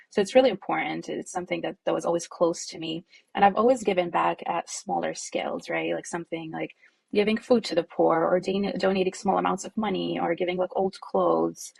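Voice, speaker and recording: 低沉沙哑的女声，语气平和，声音干燥贴近. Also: female voice, fairly low pitch, vocal fry, husky. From Jordan. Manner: reflective, with frequent fillers and soft laughs. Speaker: nonprofit co-founder, guest. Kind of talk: conversational interview.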